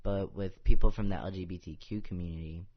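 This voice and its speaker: A young man with a very low voice tells his own story as a podcast guest, earnest and unpolished, and he drops "like" into nearly every phrase. The audio is dull and lo-fi, as if from a modest office podcast setup. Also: steady tone, brisk. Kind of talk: casual personal storytelling.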